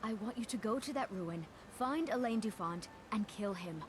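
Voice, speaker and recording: A woman's voice: mid-range voice, animated, moderate pace, close to an everyday voice. An actress playing a bitter, vengeful jilted woman in a fantasy video game, with intense, emphatic phrasing. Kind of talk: dramatic video game voice acting. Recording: game audio with clear background noise.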